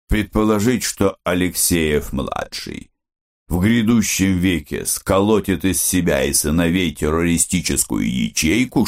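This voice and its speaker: Deep gravelly male audiobook narrator. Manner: measured, expressive storytelling.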